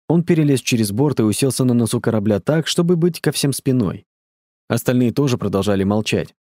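A man reading a novel aloud in a measured, even scripted narration at a close studio mic. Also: medium pitch, no room sound. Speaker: audiobook narrator.

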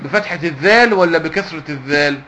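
With an Egyptian Arabic accent, a man teaches Quran recitation to young students, quizzing them constantly in call and response and waiting for their answers. His voice is a little high, animated, sharp, and fast, and the recording is muffled.

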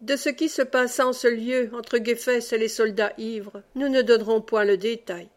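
A woman reading a classic novel aloud as an audiobook narrator, in measured storytelling. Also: fairly high pitch, fairly even intonation. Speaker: audiobook reader.

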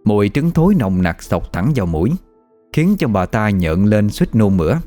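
A man with a Southern Vietnamese accent tells a ghost story, his fairly low voice rising and falling dramatically. Faint music plays underneath the narration. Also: very animated, moderate pace, warm tone.

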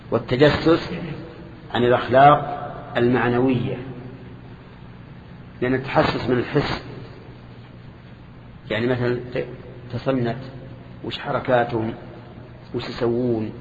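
A man, teaching a lesson that explains a hadith and putting questions to his students. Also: medium pitch. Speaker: Islamic scholar teaching. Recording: lo-fi recording in a reverberant hall with faint noise.

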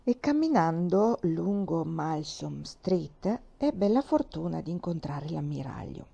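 A woman reads a classic novel aloud in a measured, even storytelling manner. Her voice is dark and mellow with a gravelly fry. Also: low voice, lo-fi sound. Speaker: audiobook reader. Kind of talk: literary audiobook narration.

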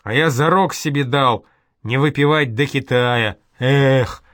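In this storybook scene, a young male caravan guard voiced by a male narrator whines and shouts his complaints, sleepy and put-upon. The delivery is dry and close, with no room sound. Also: medium pitch, normal speed, no room sound. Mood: whiny.

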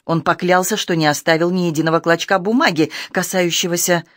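A man voicing a proud, venomous young female courtesan who lashes out in shrill, scornful outbursts. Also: steady tone, brisk, fairly bright tone, dry recording, studio quality. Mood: furious.

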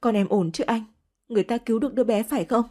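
A woman's voice: rapid-fire, mellow, natural voice. A woman voicing a spiteful young woman who curses and wails accusations. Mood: hysterical. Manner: shrill cursing, wailing accusations. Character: vicious spiteful young woman, hysterical mother.

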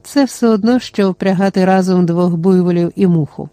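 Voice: medium pitch, normal speed, warm tone, no room sound, lightly acted. A reader voicing a scornful male mage who talks in a sarcastic, sneering way in an audiobook.

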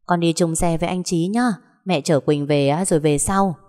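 A woman voicing a kind, caring middle-aged woman who speaks gently and with concern, with a long echoing reverb. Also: lowish voice, normal speed, close to an everyday voice.

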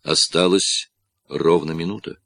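A man's voice: deep voice, steady tone, measured pace, vocal fry, a bit bright, no room sound, exaggerated voice. A man voicing a stern older father who speaks in clipped, threatening orders in an audiobook reading. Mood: cold menace.

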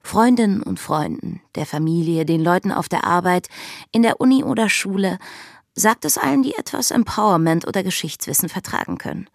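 A woman's voice: lowish voice, animated, a little fast, gravelly. An actress playing a bold, brash young pirate woman in an audio drama, with a spirited, commanding manner. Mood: cheerful, rousing.

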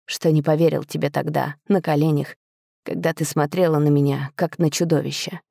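A woman voicing a furious, betrayed young dragon prince who shouts raw, bitter accusations at his father. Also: on the low side, steady tone, moderate pace, dry recording, studio quality, natural voice.

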